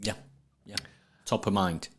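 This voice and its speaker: A man's voice: on the low side, steady tone, measured pace, slightly rough. A man with a Sheffield accent talking casually in an interview, informal and emphatic, with northern English phrasing. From Sheffield, England. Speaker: podcast guest, trade business marketing speaker.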